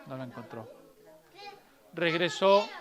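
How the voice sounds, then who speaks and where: A woman's voice: low voice, slow pace, dull audio, crowd noise. Woman telling a story to children. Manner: lively, asks the children questions. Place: library.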